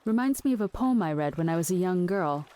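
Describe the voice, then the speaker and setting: An actress with a lowish, dark-toned, expressive voice speaks briskly and lightly acted in an audio play. She portrays a melancholy, dreamy, fatalistic woman aboard a ship at night, talking in a wistful, understated way.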